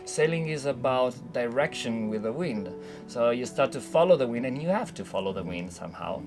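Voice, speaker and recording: Male sailor as interview guest, creaky voice, informal reflective talk with light music underneath. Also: mid-range voice, expressive, fairly quick. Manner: philosophical, rambling, informal.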